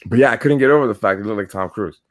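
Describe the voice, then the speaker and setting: A man's voice: lowish voice, racing. A man telling rambling, profanity-laced stories in a casual podcast chat. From New York. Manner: profane, rambling, animated storyteller. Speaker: podcast co-host.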